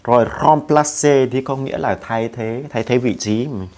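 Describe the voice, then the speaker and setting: A man's voice: medium pitch, moderate pace, a little mellow. A man teaching French in an online lesson, patiently spelling out letters and drilling verb forms aloud.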